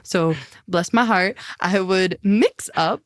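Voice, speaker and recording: Speaking slowly in a mid-range voice, a young American woman appears as a podcast guest, chatting casually and cheerfully with many "like" fillers. She is a language learner and singer, and the studio-quality recording has no echo.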